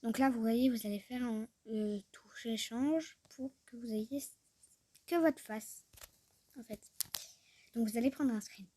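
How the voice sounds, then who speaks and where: Breathy mellow-voiced woman rambling. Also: fairly high pitch, measured pace, pauses often. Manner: rambling, talks to herself, often drops to a murmur. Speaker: YouTuber showing a tutorial. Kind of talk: casual screen-recorded tutorial chat.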